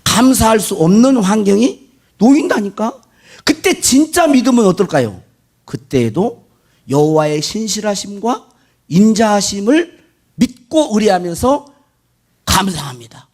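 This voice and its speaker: A high-pitched male pastor delivers an animated sermon at a measured pace. He fires rhetorical questions at the congregation and mimics worshippers' prayers.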